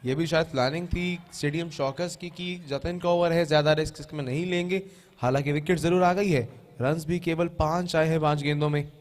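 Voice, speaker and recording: A man giving excited live commentary on a cricket match as it unfolds. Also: a little high, a little fast.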